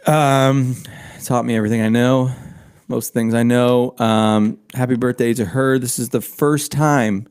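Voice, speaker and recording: A man's voice: medium pitch, steady tone, measured pace, a little mellow, clean tone, no room sound. A man co-hosting a podcast, rambling and joking in a laid-back, casual chat. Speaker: podcast co-host.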